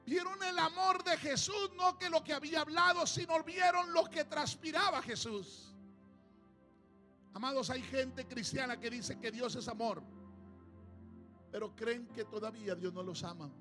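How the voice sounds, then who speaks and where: A man preaching a sermon to his congregation in church, calling them "amados" and swinging between hushed passages and shouted ones. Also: very high-pitched. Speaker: pastor.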